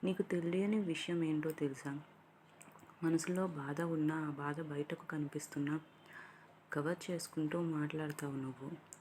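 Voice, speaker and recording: Woman narrator doing a caring young boyfriend, tender and low-voiced, faint hiss behind. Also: steady tone, normal speed, lightly acted. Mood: reproachful. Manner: soft, pleading and tender. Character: gentle caring young man, the lover.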